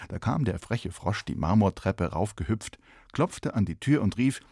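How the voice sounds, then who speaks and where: A man reading a fairy tale aloud as a scripted narration, in an expressive, playful way. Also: lowish voice, unhurried, creaky, husky, no echo, studio quality. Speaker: storyteller.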